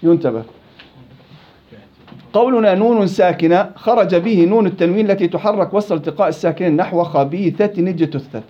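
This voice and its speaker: A fast-talking man with a Levantine Arabic accent leads a recitation class, firing questions at his students and repeating each word to drill it. His voice sits high, and the recording sounds dull and lo-fi. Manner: quizzes students, repeats words to drill them. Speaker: Quran recitation teacher. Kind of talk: interactive tajweed lesson.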